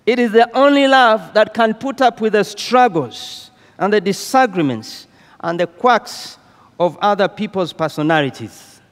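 Male preacher, high voice, unhurried sermon delivery, church hall reverb. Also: expressive. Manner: slow, deliberate preaching with fillers and repeated phrases.

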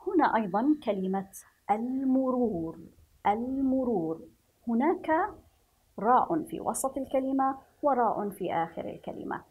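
A woman teacher giving a children's reading lesson, slowly drawing out words and praising her pupils. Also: fairly high pitch, expressive, slightly rough, phone-quality sound. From Yemen. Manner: slow drawn-out syllables, praising pupils.

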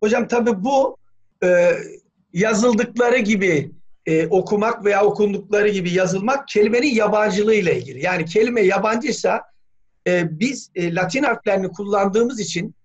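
A man's voice: high-pitched, normal speed. Man on a dull lo-fi video call. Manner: thoughtful, hesitant, frequent "e" fillers, spells words letter by letter. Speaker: language scholar in a panel meeting. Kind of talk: academic discussion on a video call.

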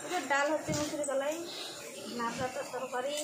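A woman's voice: sits high, steady tone, normal speed, reverberant, far from the mic, very noisy. A woman relative giving plain matter-of-fact replies while cooking.

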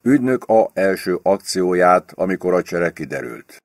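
A man reading a novel aloud as an audiobook in a steady, expressive way. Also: low voice, no room sound, clean studio sound. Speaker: audiobook reader. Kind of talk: audiobook narration.

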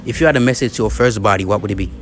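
A man's voice: on the low side, very fast, over music. A young man hosting a slangy street interview in a shopping mall, asking passers-by questions. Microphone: handheld mic.

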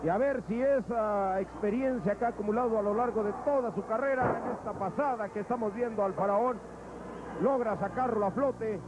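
A Mexican man commentates wrestling live in a strikingly high voice. Clear noise runs through the old television broadcast sound. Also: moderate pace, dull audio.

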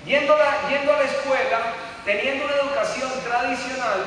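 With a very high-pitched, fairly bright voice and a fairly quick pace, a middle-aged seminar speaker tells stories and throws rhetorical questions at the crowd in a motivational talk. He's heard from afar in an echoey hall, with slight background noise.

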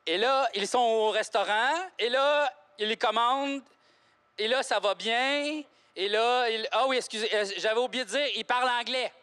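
A man playing a dim, earnest guest who talks haltingly, full of hesitations. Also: very high voice, sharp tone, clear, resonant tone. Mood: bumbling. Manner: bumbling, halting, full of fillers. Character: dim, earnest male book-loving guest.

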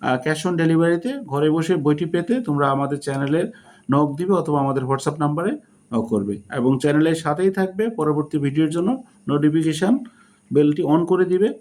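Teaching spoken English in Bengali, a man says short English phrases slowly and deliberately, then translates them. His voice is a little high with a darkish tone.

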